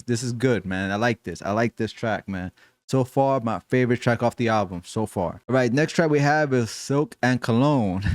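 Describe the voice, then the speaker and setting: A man's voice: mid-range voice, dry recording, clean studio sound. A young man from the United States giving casual, hyped reaction commentary, slangy and repeating himself for emphasis. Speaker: music reaction YouTuber. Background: faint music playing.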